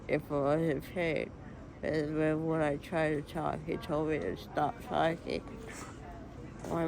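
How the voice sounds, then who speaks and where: A young woman chatting casually to a vlog while groggy from anesthesia, her speech slurred and slow. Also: low voice, vocal fry, noisy background.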